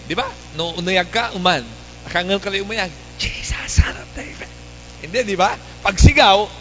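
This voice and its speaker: A man's voice: fairly high pitch, lo-fi sound, a little hiss or hum. A man preaching a sermon as pastor, calling out to the congregation for responses. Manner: lively, calls out to the congregation for responses. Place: church service.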